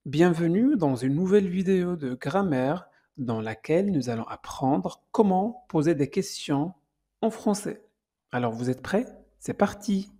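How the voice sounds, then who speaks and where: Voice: mid-range voice, expressive, a little slow, mellow. A teacher giving a grammar lesson, explaining step by step and often checking in with the viewer. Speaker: French teacher.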